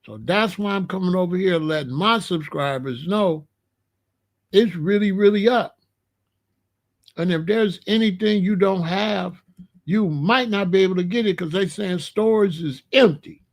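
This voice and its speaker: In an unhurried, high-pitched voice, a middle-aged or older American man warns his livestream viewers about the weather. He keeps it casual and emphatic, repeating phrases to drive points home.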